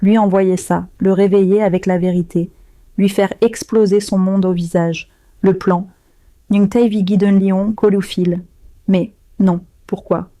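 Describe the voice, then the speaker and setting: A woman narrating a first-person story in a measured, grave and emotionally restrained way. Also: medium pitch, steady tone, dark tone, dry recording.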